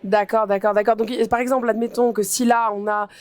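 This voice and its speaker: A woman's voice: a little high, flat delivery, fast, a loud crowd. A woman hosting a casual interview at a game festival stand, playfully joking with the viewers at home while learning a game. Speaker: host.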